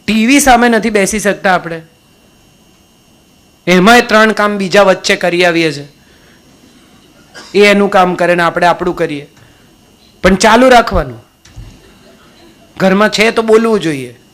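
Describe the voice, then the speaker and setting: A woman's voice: mid-range voice, unhurried, pauses often. A middle-aged woman with a Gujarati accent giving a motivational speech to a live audience, telling stories and firing rhetorical questions. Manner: rhetorical questions, storytelling, lively. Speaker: motivational speaker.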